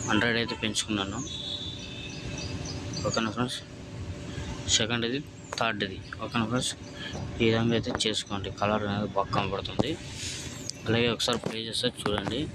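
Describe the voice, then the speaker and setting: A man's voice: lowish voice, little pitch movement, brisk, long pauses, very noisy. A man hosting a casual step-by-step phone editing tutorial, who keeps checking in with "okay friends" between steps. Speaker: video editing tutorial host.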